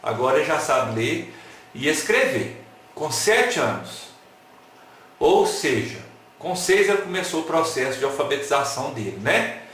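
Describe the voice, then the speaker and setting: Here an online lecturer, a man whose voice is a touch high and a touch slow, keeps his talk lively with humor and a stream of questions for the audience, rhetorical ones among them. He sounds animated and playful, and the room echoes heavily.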